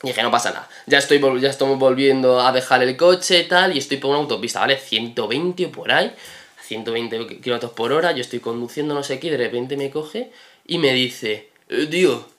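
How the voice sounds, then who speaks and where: A young man, casually telling animated stories with lots of fillers and swearing. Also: mid-range voice, fairly quick. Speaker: podcast co-host. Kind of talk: casual storytelling.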